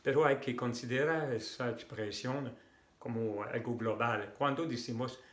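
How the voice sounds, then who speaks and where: A man whose first language is French, giving an informal lesson and repeating words slowly and carefully to model pronunciation. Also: medium pitch, a bit bright. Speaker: French tutor. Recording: echoey room.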